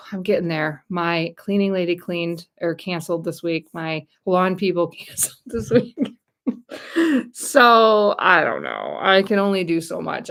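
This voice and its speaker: A middle-aged woman from the United States hosts a YouTube livestream, rambling casually and talking straight to her viewers. Her voice sits on the low side and is creaky and a bit bright.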